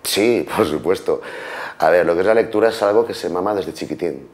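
A hoarse man, a guest on a TV talk show, answering earnestly and listing things in series. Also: sits low, a little fast, a little mellow. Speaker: guest, online cultural communicator. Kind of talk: TV interview answers.

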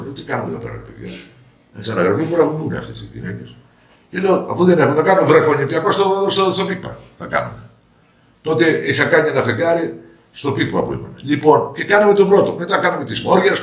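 A man's voice: medium pitch, fairly bright tone. Older man telling stories, roomy echo. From Greece. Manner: storytelling, acting out quoted dialogue. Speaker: parliamentary candidate. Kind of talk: interview answers.

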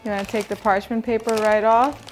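A woman's voice: fairly high pitch, little pitch movement, a little fast, soft background music. A woman hosting a cooking video, chatting upbeat as she walks viewers through each step in a home kitchen. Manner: chatty, upbeat, instructional, addresses viewers directly. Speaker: cooking channel host. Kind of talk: casual cooking demonstration.

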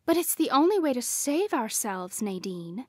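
A woman's voice: on the high side, sing-song, moderate pace, a little mellow, husky, no room sound, clean studio sound. A woman doing a sneering, menacing female doppelganger. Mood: taunting. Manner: taunting, hissing some words.

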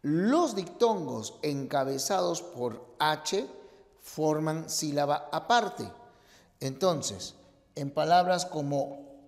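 A man with a somewhat high voice teaches a grammar lesson at a very unhurried pace. He explains with care and spells out example words one at a time. His voice carries a long reverb tail.

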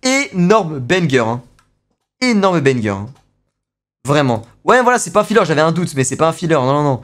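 A young man live-streams his reaction to a video, talking excitedly with lots of slang and repeated exclamations. His voice is a little high and his pace moderate.

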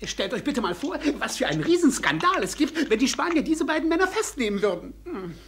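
An actor playing a fretful, scolding Italian cleric in a dubbed period series, lecturing in exasperation. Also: male voice, very high-pitched, big pitch swings, fairly quick, fairly bright tone, heavily acted. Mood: reproachful. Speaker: Italian cleric, abbé's companion.

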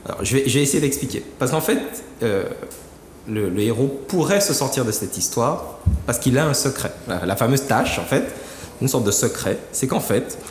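A man of middle pitch, a guest in a studio, explains a book at length, thinking aloud and restarting his phrases often. His voice sits in a roomy space with a long reverb tail. A faint noise runs underneath. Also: lively intonation, moderate pace. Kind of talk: explaining a book on a talk show.

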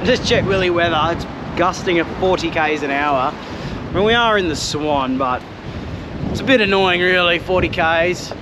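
An Australian man vlogging from a small boat on a windy river, talking in a laid-back, slangy way with sudden loud whoops. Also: high voice, moderate pace. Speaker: fishing vlogger. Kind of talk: casual outdoor vlog narration.

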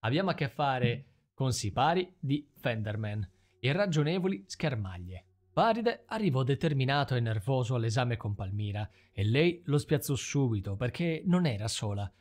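A man reading stories aloud as the host of a storytelling channel, in a calm, even manner. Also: medium pitch, moderate pace. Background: background music.

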